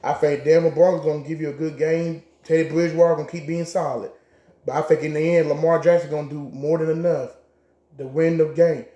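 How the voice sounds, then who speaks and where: A man with a fairly high but mellow, relaxed voice talks casually as a co-host, trading blunt, profane trash talk. The sound is roomy and echoey, as if recorded in a bare room. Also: a little fast. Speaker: co-host making game picks. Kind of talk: casual sports chat.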